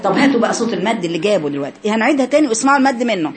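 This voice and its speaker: A woman with an Egyptian accent teaching a tajweed lesson to female students, demonstrating sounds by repeating drawn-out syllables. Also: mid-range voice, big pitch swings. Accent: Egyptian Arabic. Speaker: Quran recitation teacher. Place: classroom with women students. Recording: echoey room with crowd noise.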